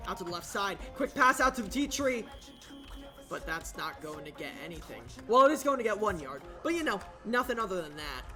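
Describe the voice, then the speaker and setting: A man calling a video game football match play by play, casual and excitable, his voice jumping up on big plays. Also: sits high, a little fast, faint music behind. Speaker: play-by-play commentator. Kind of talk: esports football commentary.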